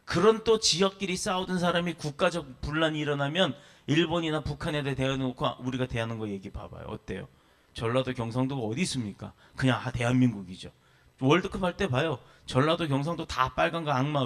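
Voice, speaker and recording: A man's voice: fairly high pitch, a bit bright. A man who pastors a church, preaching a sermon with emphatic lists and rhetorical questions.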